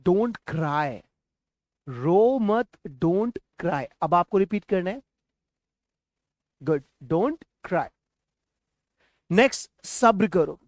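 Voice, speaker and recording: A man teaching spoken English in a lively classroom style, coaxing learners to repeat and slowing right down on each English phrase. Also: sits high, no echo, studio quality. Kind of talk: energetic classroom-style lesson, drilling phrases for repetition.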